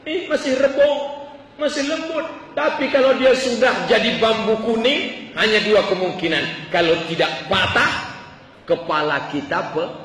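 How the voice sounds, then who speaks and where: A man's voice: high-pitched, moderate pace, a bit bright, recorded from a distance. A man preaching a sermon, telling stories and asking his listeners rhetorical questions with emphasis. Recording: echoey hall with faint ambience.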